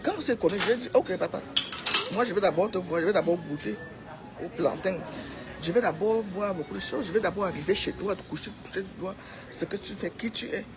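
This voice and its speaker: A woman with a Cameroonian accent and a medium-pitched voice talks fairly quickly over music. Speaking as a social media commentator, she gives her followers an informal, opinionated monologue, exhorting them and repeating phrases for emphasis.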